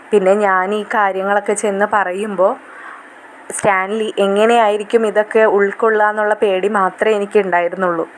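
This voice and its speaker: A woman's voice: mid-range voice, slight background noise, lightly acted. A woman voicing a caring elderly father, fond and protective toward his daughter, in a retold serial story.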